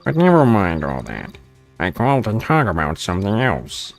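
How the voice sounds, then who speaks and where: A man's voice: fairly low pitch, wildly swooping pitch, moderate pace, creaky, faint music behind, full character voice. A man reading game dialogue aloud, putting on a disguised voice for a mocking mystery caller. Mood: taunting. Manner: smug, mocking, sing-song.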